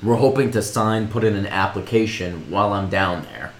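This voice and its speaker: A man's voice: fairly low pitch, moderate pace, slight background noise. A young man co-hosting a podcast, talking casually and rambling through explanations. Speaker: podcast co-host. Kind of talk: casual chat. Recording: roomy echo.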